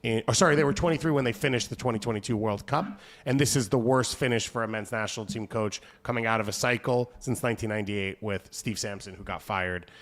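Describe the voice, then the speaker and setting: A man hosting a casual soccer panel, talking quickly and thinking aloud. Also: on the low side.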